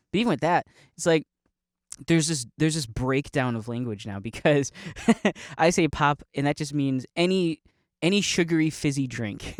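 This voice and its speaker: A man's voice: on the high side, dry recording, studio quality. A man hosting a casual solo podcast monologue, laughing often as he talks and rambling through restarts while sipping brandy. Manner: rambling with restarts and quick mock voices. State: drinking brandy. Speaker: podcast host.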